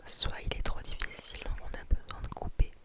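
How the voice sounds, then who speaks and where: Close to the microphone, a woman offers a book recommendation in a soft, breathy library whisper, ASMR style, yet with a brisk delivery.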